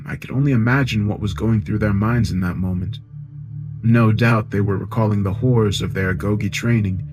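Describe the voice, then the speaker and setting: A man narrating a science fiction horror story in a measured, grave tone, with music behind. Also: lowish voice.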